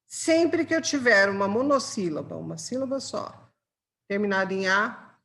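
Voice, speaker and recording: This exam-prep grammar lesson comes from a woman with a Brazilian Portuguese accent whose mid-range, slightly bright voice is very animated, with some vocal fry, at a normal speed. She patiently illustrates points with examples and checks in with her students.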